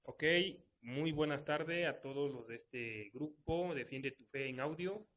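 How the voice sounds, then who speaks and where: A man's voice: medium pitch, unhurried. A man moderating a live online debate, formally laying out the rules step by step. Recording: dull lo-fi online audio.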